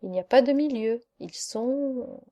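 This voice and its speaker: A grave, dark-winged angel, as a woman puts it on. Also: on the high side, a little slow. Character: solemn angel with dark wings, record keeper.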